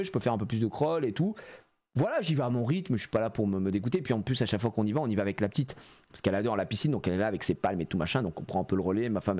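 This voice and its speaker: A man's voice: medium pitch, darkish tone. A man in his thirties chatting casually on a live stream, rambling and joking with many fillers.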